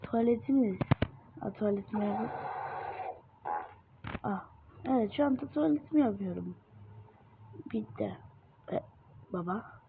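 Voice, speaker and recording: A woman giving excitable gameplay commentary, full of exasperated outbursts at the game. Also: mid-range voice, measured pace, pauses often. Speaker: gamer. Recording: tinny lo-fi mic with noise.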